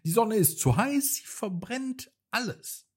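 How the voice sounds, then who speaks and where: A man doing a high, earnest little knight. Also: lively intonation, measured pace, slightly rough, heavily acted. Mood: breathless. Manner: pleading, breathless. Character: brave small boy knight, earnest.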